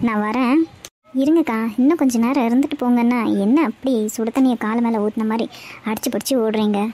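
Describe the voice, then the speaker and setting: A woman's voice: a little high, dark tone, lightly acted. Woman voicing a fussing, hospitable mother. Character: fussing, welcoming middle-aged mother.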